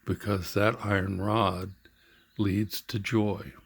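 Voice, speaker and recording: Gravelly, slow-talking older man. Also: lowish voice, level tone. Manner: earnest, halting with frequent fillers. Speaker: veteran musician telling his story. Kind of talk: reflective personal storytelling.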